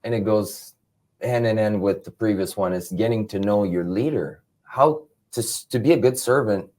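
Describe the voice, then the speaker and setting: A man reading out teaching points on serving a leader, earnest and halting, with frequent restarts. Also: lowish voice, darkish tone. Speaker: ministry teacher. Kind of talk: reading points and explaining them.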